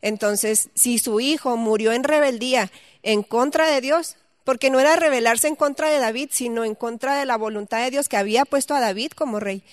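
A woman's voice: a little high, moderate pace, dry recording, clean studio sound. Woman teaching a Bible study. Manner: reads scripture aloud, then explains it conversationally with questions to listeners.

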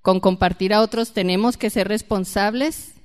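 A woman's voice: mid-range voice, steady tone, moderate pace. A woman preaching a conversational sermon and asking her congregation questions. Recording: long hall reverb.

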